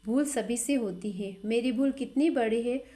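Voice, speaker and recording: A woman reading a calm, stern young man. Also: on the high side, a little slow, natural voice. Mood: firm. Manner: calm and firm.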